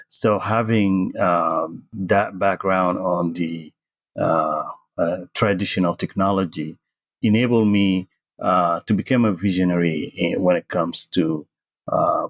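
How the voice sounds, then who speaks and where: Gravelly deep-voiced middle-aged man, hesitant. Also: no room sound. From Sudan, raised in the US. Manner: hesitant, many fillers and restarts, slow pace. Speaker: interview guest, tech consultant. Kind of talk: casual interview answers.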